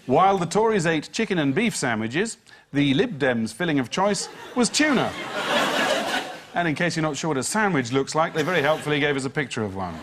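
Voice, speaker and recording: A man's voice: on the high side, big pitch swings, a little fast. A man presenting a comedy news quiz as host, reading scripted lines. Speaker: panel show host. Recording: clearly noisy studio recording.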